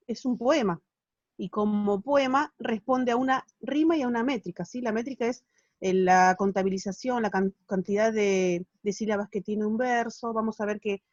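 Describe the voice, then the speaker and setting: Argentine teacher, patient and checking in. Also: female voice, mid-range voice, no echo, muffled recording. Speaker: literature teacher. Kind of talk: explaining a class activity on a video call. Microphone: phone or laptop on a video call.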